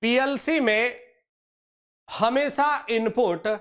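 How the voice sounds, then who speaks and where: A man leads an online exam-prep lecture in a high voice. He talks slowly and stretches out key terms. He calls his students dear children and sometimes scolds them like a teacher. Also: fairly bright tone, smooth. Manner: teacherly, addresses students as "beta" and "pyare bachche", scolds and coaxes; drawn-out slow emphasis on key terms.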